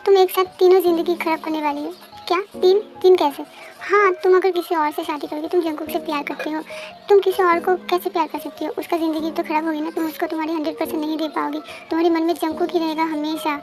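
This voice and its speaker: A woman voicing a gentle pleading sibling. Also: extremely high pitch, level tone, fast, over music. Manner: soft, coaxing pleas.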